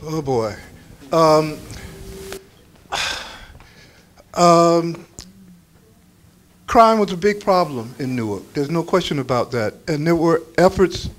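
An older man, a book author on a panel, answers audience questions with deliberate, self-correcting speech and frequent fillers into a handheld mic in a crowded room. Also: on the high side, animated, slight background noise. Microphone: handheld microphone.

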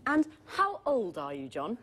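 An actress playing a new TV presenter in a scripted beginner English lesson, speaking clearly and expressively. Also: female voice, mid-range voice, wildly swooping pitch, unhurried, a bit bright, full character voice. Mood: bright. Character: nervous new female TV presenter Lucy. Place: TV studio.

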